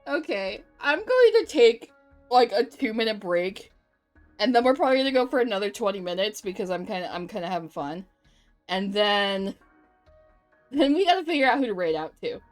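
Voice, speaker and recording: A woman's voice: mid-range voice, sing-song, normal speed, faint music behind. A woman streamer chatting casually with her viewers, reading chat aloud, joking and laughing often.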